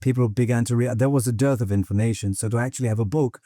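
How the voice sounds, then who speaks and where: Chatty older man hosting, mellow voice. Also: medium pitch, steady tone, fast talker, no echo, studio quality. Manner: chatty anecdotes with laughs and quoted voices. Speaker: podcast host. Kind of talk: conversational interview.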